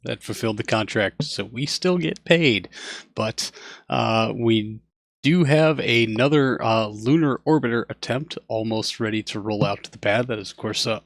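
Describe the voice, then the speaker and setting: Male game streamer, gravelly, casual commentary, swears and shouts at mishaps. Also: medium pitch, moderate pace, no room sound.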